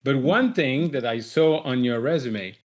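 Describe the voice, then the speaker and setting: A man's voice: mid-range voice, animated, measured pace. A man hosting a business podcast, asking curious questions and reacting briefly over a video call. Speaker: podcast host.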